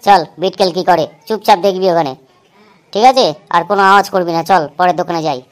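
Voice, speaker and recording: Woman voicing a chattering cartoon boy, quick, lowish voice, nervy and boastful. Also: lightly acted. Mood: cocky. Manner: fast, chattering, nervous then cocky. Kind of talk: cartoon comedy voice acting.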